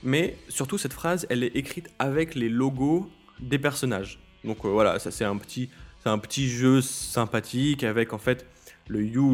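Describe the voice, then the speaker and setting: A man hosting a podcast in casual solo talk, hesitant, with many fillers and restarts. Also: mid-range voice. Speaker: podcast host.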